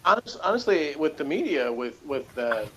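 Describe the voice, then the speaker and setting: Reviewing a TV episode on a podcast, a Texan co-host speaks a little high, with big pitch swings and a bright, forceful tone at a moderate pace. He rambles casually without a script, correcting himself and cracking dry jokes. The audio is poor, with slight background noise.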